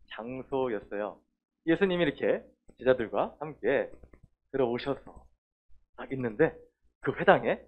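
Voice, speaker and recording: Animated male children's pastor. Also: medium pitch, narrow, tinny audio. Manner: animated, asks the children questions. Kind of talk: children's sermon storytelling.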